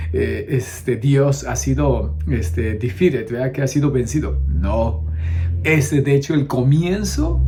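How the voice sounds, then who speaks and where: A male priest gives an unscripted homily in a warm, relaxed, mellow voice. He circles back on his words, fills pauses and keeps asking the congregation "¿sí?", with a few English words slipped in. A faint noise runs under the recording. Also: medium pitch. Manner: unscripted preaching with many fillers and restarts, asks the listeners "¿sí?". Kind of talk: homily on scripture.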